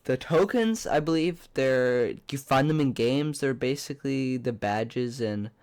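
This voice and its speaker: A man's voice: mid-range voice, a little slow, a little mellow, smooth. A young man with a congested, pinched-nose voice from a cold, giving rambling, blunt, casual commentary as a YouTuber. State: sick with a cold. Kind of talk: casual opinionated video commentary.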